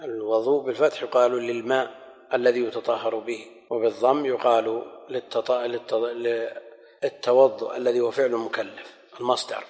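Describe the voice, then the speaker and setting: A man teaching a scholarly lesson in a measured, explanatory manner, often repeating key phrases. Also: medium pitch, little pitch movement, a little mellow. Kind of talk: recorded lecture commentary. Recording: long hall reverb.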